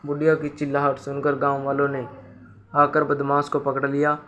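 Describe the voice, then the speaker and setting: A man narrating a moral story in a plain, even storytelling way. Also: mid-range voice, normal speed.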